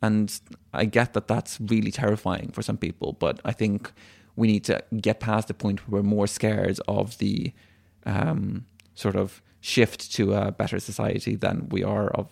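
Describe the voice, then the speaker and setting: A man answers questions as an activist guest in an interview. His voice is lowish with a lot of vocal fry, and he explains things in a measured, hesitant way. The recording is dry. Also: a little mellow, dry recording.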